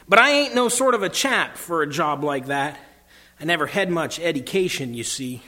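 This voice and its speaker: A man's voice: sits high, a little slow, pushed and bright, long reverb tail. A man putting on a humble cab driver who drops his aitches and mangles his grammar, earnest and deferential, in a slightly raised voice. the reading comes from a storybook passage inside a sermon. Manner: dropped aitches and rough working-class grammar. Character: rough humble male London cab driver.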